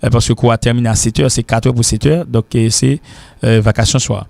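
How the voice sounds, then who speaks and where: A man with a Haitian accent teaching an informal English lesson, who repeats words slowly to drill their pronunciation. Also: medium pitch, fairly even intonation, vocal fry, a little mellow, dry recording. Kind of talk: informal lesson mixing French and Creole.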